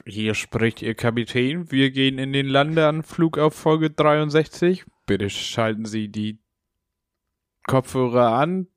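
A man putting on the voice of an airline captain making a slow, formal cabin announcement on a casual podcast. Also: mid-range voice, clean tone, dry recording, studio quality, natural voice. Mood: mock formal. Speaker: podcast co-host.

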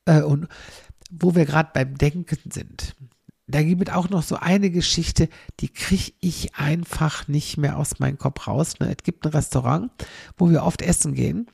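A woman's voice: low-pitched, a little slow, gravelly, a little mellow, husky, no echo, clean studio sound. A middle-aged woman telling rambling comic stories and tagging nearly every sentence with a questioning "ne". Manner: chatty, tags almost every sentence with a questioning "ne". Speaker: comic storyteller.

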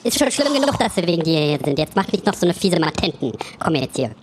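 A woman doing a rushed, scolding mother. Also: fairly low pitch, sing-song, noisy background. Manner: fast, scolding, huffy. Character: flustered, scolding mother of a schoolboy.

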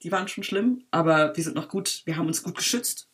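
A young adult woman from Berlin, a filmmaker guest in a casual interview, talking in a lively way with frequent laughs and fillers. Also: lowish voice, brisk. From Berlin, Germany.

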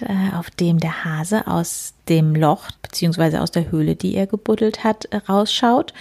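A woman reading a children's picture book aloud, softly and often half-whispered. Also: medium pitch. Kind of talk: children's story read aloud.

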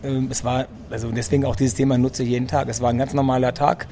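Seated in a Munich restaurant, this interview guest, a male sports physician, speaks quickly in a level, medium-pitched voice that sounds dark and gravelly. His storytelling is relaxed and chatty, and he keeps circling back and repeating words as he searches for how to say things.

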